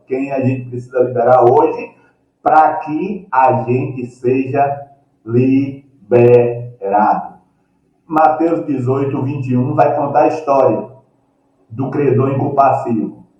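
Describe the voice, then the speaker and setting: Animated preacher, echoey. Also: male voice, medium pitch. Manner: animated storytelling, acts out voices, chuckles. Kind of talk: live sermon. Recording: echoey room, distant dull mic.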